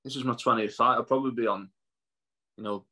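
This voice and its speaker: A man's voice: medium pitch, fairly even intonation, fast, bright, forceful tone, slightly rough. A man in his twenties, a boxer answering interview questions casually in a laid-back, matey way and often repeating himself. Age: 20s. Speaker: professional boxer being interviewed.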